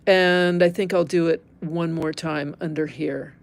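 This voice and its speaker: A middle-aged American woman from Northern California hosts an informal embroidery livestream, thinking aloud candidly as she stitches and chats with viewers. Her voice is low and fairly even in intonation, a little slow, with vocal fry.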